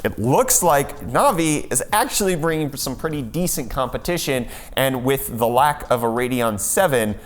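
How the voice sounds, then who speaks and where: A man's voice: medium pitch, lively intonation, moderate pace, few pauses. Sarcastic man hosting tech news. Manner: sarcastic, jokey segues. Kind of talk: casual tech news rundown.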